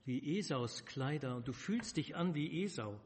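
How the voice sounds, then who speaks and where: A man's voice: on the high side, animated, moderate pace, natural voice. A man voicing a frail, elderly father who speaks a solemn blessing, in a reverberant hall. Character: frail old father near death.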